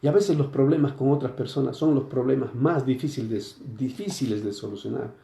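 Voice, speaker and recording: Male pastor, sermon, deep mellow gravelly voice, questioning listeners as he teaches, echoey church room. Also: fairly quick. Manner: explains scripture with frequent rhetorical questions. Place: church sanctuary.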